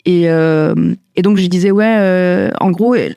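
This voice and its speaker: Reflective woman, halting casual talk. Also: fairly low pitch, gravelly, dark tone, no room sound. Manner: hesitant, many fillers and restarts. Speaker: guest, stylist and entrepreneur.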